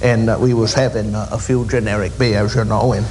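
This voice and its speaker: A man with a Maine accent telling comic stories to a live audience in a folksy, drawling, deadpan way. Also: lowish voice, a little fast, very noisy. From Maine, USA. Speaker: humorist, storyteller. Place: room in front of an audience.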